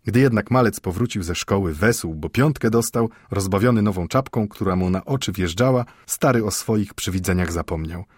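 A man narrating a literary story in a measured, even manner. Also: on the low side, husky, dry recording. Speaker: audiobook narrator. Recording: dry close studio sound.

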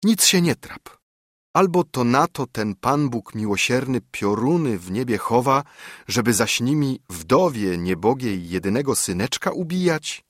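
A man's voice: mid-range voice, breathy edge, no room sound, clean studio sound, pitched above the performer's own voice, full character voice. A man voicing a pious old widowed mother who soothes her son with folk sayings, in an audiobook reading. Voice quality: warm, soothing folk speech.

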